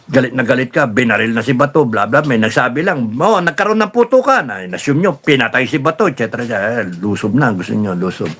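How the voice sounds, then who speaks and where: A man hosting a casual live stream, reading viewer comments and telling stories in a rambling, animated way with many fillers. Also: medium pitch, fast, few pauses, slight background noise. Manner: rambling, animated storytelling with laughs and repeated fillers.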